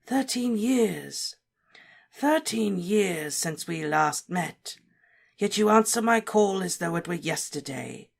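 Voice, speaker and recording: A woman voicing a cold, cruel male dark wizard lord, speaking softly, slowly and with deliberate menace. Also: lowish voice, expressive, vocal fry, slightly rough, pitched above the performer's own voice, exaggerated voice. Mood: menacing. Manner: soft, menacing, slow and deliberate.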